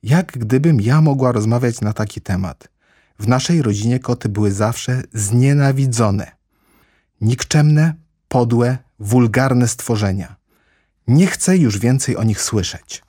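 A man voicing a touchy little mouse, shrill and indignant, in a storybook reading. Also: slow pace, mellow, breathy edge, no echo, clean studio sound. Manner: indignant, scornful.

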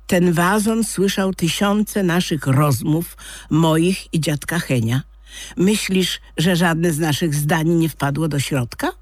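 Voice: medium pitch, takes it slowly, dry recording. A reader voicing a whimsical, dreamy elderly grandmother in an audiobook, in a lilting, sing-song manner. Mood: musing. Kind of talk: audiobook reading.

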